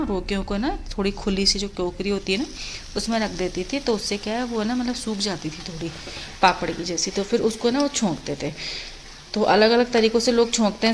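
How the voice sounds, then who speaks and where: Indian woman chatting thru her day vlog, mid pitch, bit of noise behind. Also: low-quality recording. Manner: chatty, explaining as she goes. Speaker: vlogger. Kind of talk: casual vlog narration.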